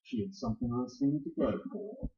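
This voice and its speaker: A man's voice: mid-range voice, a little fast, warm tone, close to an everyday voice. A man playing a hard-boiled private detective in a 1940s-style radio play, with dry, sardonic, clipped tough-guy talk. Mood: wry narration. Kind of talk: 1940s radio acting and narration. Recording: roomy, dull lo-fi recording.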